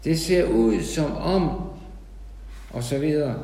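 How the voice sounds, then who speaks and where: A man giving an informal sermon to a small meeting, halting and repeating words, then rising to loud emphasis. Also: fairly high pitch, lively intonation, reverberant, in a large hall, low-quality recording. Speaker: lay preacher.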